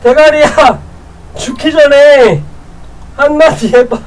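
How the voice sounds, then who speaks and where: A woman streaming a game live, teasing other players in loud banter and laughing often; her voice sits a little off-mic. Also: sits high, takes it slowly, far from the mic, low-quality recording. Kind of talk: live gameplay chat with viewers.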